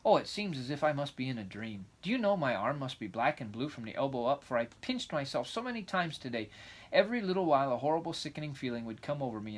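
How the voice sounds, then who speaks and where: An eager young storybook girl, acted out by a man, chatters in a breathless, gushing rush. The pitch jumps up as the dreamy, dramatic child rambles quickly on. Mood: breathless rapture.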